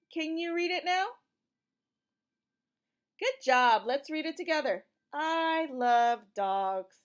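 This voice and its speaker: A high-pitched woman leads an interactive read-aloud for young children in a teacherly way. She poses simple questions, gives encouraging prompts and reads with emphasis.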